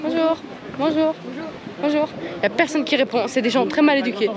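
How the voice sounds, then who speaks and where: A young woman chatting casually and excitedly in slangy talk while filming a travel vlog outdoors at a busy park. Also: fairly high pitch, racing. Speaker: vlogger. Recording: outdoor recording with a crowd around. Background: crowd of visitors.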